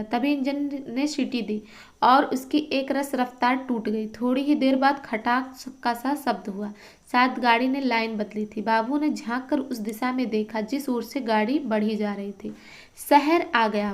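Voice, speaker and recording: A woman teaching Hindi literature who reads a story aloud and stops to explain it for exam students. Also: a little high. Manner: reads a passage, then stops to quiz and explain.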